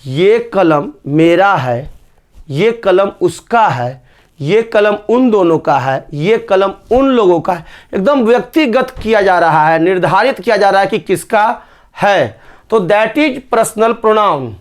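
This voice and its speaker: A man's voice: high-pitched, animated, slow. A man teaching a grammar lesson, spelling words out letter by letter. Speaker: English teacher.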